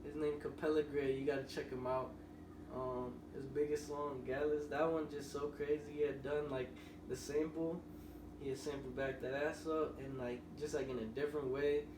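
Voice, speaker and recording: A young man, a musician appearing as a podcast guest, tells loose, rambling stories in casual conversation. His voice is fairly high with little pitch movement, at a normal speed. The mic is distant and the recording is roomy and noisy.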